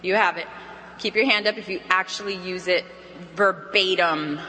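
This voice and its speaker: Bright, animated woman coaching a crowd. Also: lowish voice, moderate pace, long reverb tail. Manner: energetic and animated, acts out phone calls in shifting voices. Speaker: sales trainer. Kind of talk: motivational training talk to a live audience. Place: large hall with an audience.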